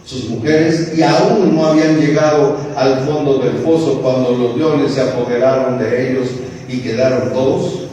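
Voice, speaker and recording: Mexican preacher in an echoey hall. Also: male voice, mid-range voice, a little slow, a little hiss or hum. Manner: alternates calm Bible reading with emphatic, rising exhortation. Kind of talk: sermon with scripture reading. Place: large church hall. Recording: echoey hall recorded from a distance.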